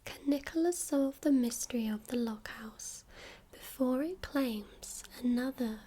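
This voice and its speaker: Slow whispering woman, librarian role-play. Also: high-pitched, mellow, slightly rough. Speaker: friendly librarian recommending books.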